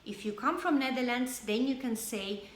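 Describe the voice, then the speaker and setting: A woman from Germany with a German accent, teaching basic German phrases in English and repeating each word slowly for learners. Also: a little high. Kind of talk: slow, clearly spoken language lesson. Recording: echoey room with faint background noise.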